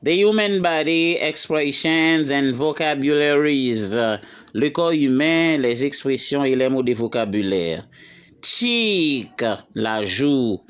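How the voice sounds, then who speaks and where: A man teaching English vocabulary to French speakers, slowly repeating words and lifting his voice on each English example. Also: mid-range voice, smooth. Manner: slow, repeats words for learners. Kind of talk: bilingual vocabulary lesson.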